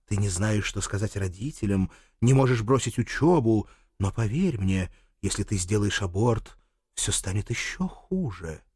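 A man voicing a gentle, patient male angel in an audiobook, speaking in a soothing way. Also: fairly low pitch, lively intonation, normal speed, husky, dry recording, studio quality.

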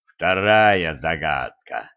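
Guy reading as a big stone monster, booming hollow voice, slow and mocking, kinda dull lo-fi audiobook sound. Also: animated, full character voice. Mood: menacing. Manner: slow, drawn-out threatening speech. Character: giant stone monster, male, mocking and menacing. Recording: dull lo-fi recording.

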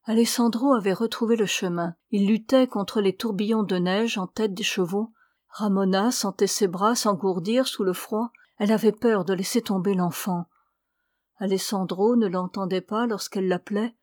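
A woman reading a novel aloud as an audiobook, in a measured, even delivery. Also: medium pitch, no echo, studio quality. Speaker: audiobook reader.

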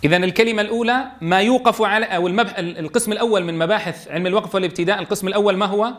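High-voiced teacher. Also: male voice, a bit bright. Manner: quizzes the class and chants verses slowly for repetition. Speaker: Quran teacher trainer. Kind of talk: classroom lesson on recitation rules.

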